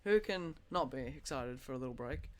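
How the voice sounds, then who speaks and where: A teenage boy hosting a casual podcast chat, excitable and swearing casually. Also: mid-range voice, moderate pace, a little hiss or hum. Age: teens. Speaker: podcast host.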